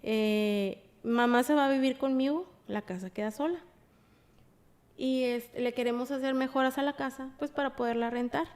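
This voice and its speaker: Animated woman telling a story. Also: high-pitched, moderate pace. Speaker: podcast guest. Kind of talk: casual storytelling.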